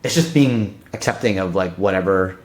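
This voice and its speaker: A man in his thirties, a podcast guest, talking casually in a loose, restless way full of fillers and restarts. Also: low-pitched. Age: 30s. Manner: fast, loose, filler-heavy talk with many restarts. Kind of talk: casual conversation.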